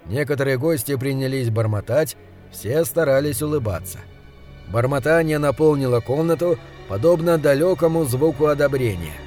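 Measured male audiobook narrator. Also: mid-range voice, soft background music. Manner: measured, even storytelling. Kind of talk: scripted narration.

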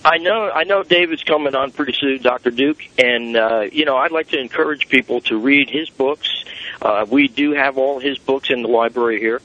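A man speaks over a dull, lo-fi phone line as a caller to a radio talk show. His voice sits at an ordinary middle pitch. He talks casually and rambles, filling his pauses with "uh". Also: pushed and bright, no echo. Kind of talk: casual call-in chat.

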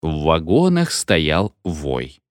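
Expressive male storyteller, dry sound. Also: a bass voice, takes it slowly, no echo. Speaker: narrator. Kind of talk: audiobook reading of satirical story.

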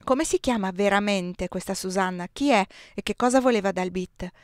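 A woman reading aloud and voicing a polite, ironic young official in a slightly lowered, measured voice. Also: no echo, studio quality, natural voice. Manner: lower, quieter, measured delivery.

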